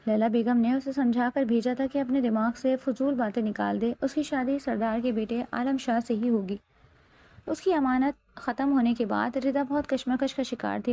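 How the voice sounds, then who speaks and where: Gravelly-voiced woman reading a novel aloud. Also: fairly high pitch. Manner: steady storytelling reading. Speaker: narrator. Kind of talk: scripted novel narration.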